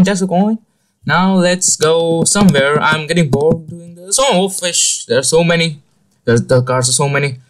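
A young man commentating his mobile game play, excitable and jokey, with many exclamations. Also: fairly high pitch. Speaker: gaming channel host.

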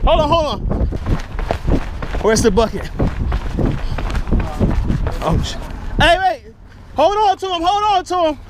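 An excitable young man calls out his fishing action from a bridge, repeating himself, hollering and laughing. His voice sits high and swings around a lot. Wind and traffic noise from the outdoors fill in behind him on the action camera. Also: slow pace, long pauses. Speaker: fishing vlogger. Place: outdoors on a bridge over the sea.

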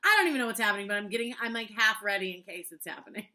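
A woman's voice: medium pitch, very fast, bright, forceful tone. A woman co-hosting a podcast in casual chat from home, talking into a laptop, laughing often and swearing freely. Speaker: podcast co-host.

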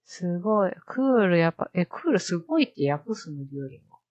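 A woman streamer chatting casually to herself, slowly repeating practice sentences and musing aloud. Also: fairly low pitch, big pitch swings, darkish tone, dry recording, highs cut off. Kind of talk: casual live-stream commentary.

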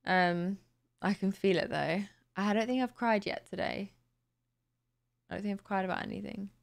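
A young woman live streamer chats casually late at night from her indoor home streaming room, thanking viewers. Her medium-pitched voice is steady and moderately paced, though tired and slightly raspy today. Bubbly and chatty, she laughs easily into a close boom studio mic.

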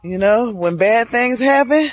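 A woman's voice: fairly high pitch, animated, measured pace, no echo. A woman in her late thirties from Charlotte, talking to viewers in a reflective, motivational way while hiking, filmed on a phone held at arm's length outdoors. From Charlotte, North Carolina. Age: 30s. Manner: chatty, reflective, motivational, talks to viewers as "y'all". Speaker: vlogger. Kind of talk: casual vlog monologue. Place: wooded hiking trail outdoors. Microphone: phone held at arm's length while walking.

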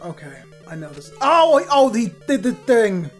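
A man doing casual gameplay commentary with a friend, teasing and excitable, yelping loudly when things go wrong. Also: extremely high pitch, unhurried, soft background music. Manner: excitable, teasing, loud yelps at setbacks. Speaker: let's play host.

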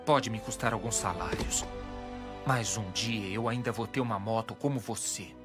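An actor playing an awkward teenage fast-food worker in an animated series dub, sarcastic and hesitant. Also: male voice, fairly low pitch, music in the background, natural voice.

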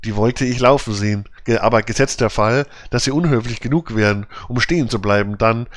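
A man voicing a cocky wooden puppet boy in a storybook reading, speaking slowly and emphatically. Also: medium pitch, a little hiss or hum, natural voice. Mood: boastful. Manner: bragging, slow and emphatic.

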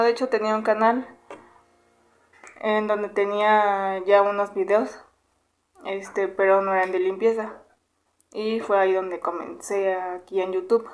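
She's a YouTuber from Mexico in her twenties, fielding viewer questions in a relaxed, chatty Q&A vlog with a Mexican Spanish accent and a mid-range voice. Between questions she hums, and the footage comes from a close-held camera in a small bedroom.

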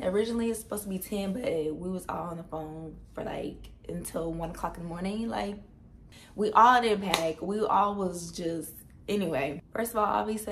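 A young woman from with a slightly raspy morning voice, chatting casually to her vlog viewers and laughing often. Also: mid-range voice, a little hiss or hum. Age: young adult. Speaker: vlogger.

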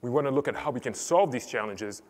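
Through a headset mic on a big conference stage, a Cameroonian man delivers a technical session in a clear, orderly way. His medium-pitched voice is animated and quick, with the hall giving it a long reverb.

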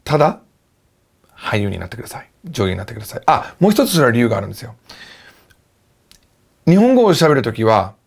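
Lively man teaching, gravelly. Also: medium pitch, fast talker, long pauses. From United States. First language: English. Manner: animated, lively explaining. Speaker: English teacher. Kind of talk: casual video lesson.

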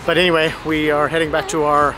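A North American man in his thirties, a family travel vlogger, chats casually to a camera held at arm's length in a cafe-like hostel bar and outdoor beer garden. His voice is a little high, level in tone and quick, with heavy background noise.

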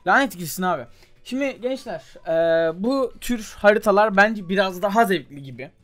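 Young male gaming host, slightly high voice, loose muttering commentary over soft game music. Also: expressive, normal speed. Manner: chatty, mutters while trying, calls viewers "abi" and "gençler". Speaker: gaming YouTuber. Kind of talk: casual gameplay commentary.

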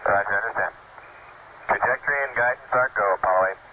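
A man's quick, steady confirmations come over a radio link that keeps cutting out. The line is hissy, with clear noise under it. He talks fast and brisk in radio procedure. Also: medium pitch. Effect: radio transmission cutting out. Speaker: ground mission controller. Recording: noisy archival radio link.

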